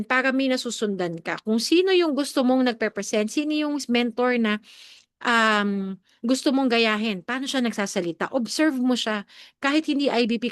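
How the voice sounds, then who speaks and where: A lively Filipino woman mentor runs an online training over a video call, switching easily between Filipino and English. She keeps checking in with her listeners and talks expressively. Her voice sits fairly high, and the sound is dry and close. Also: dry recording. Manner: chatty, Taglish, coaching tone with frequent "okay?" and "no?"; animated, expressive.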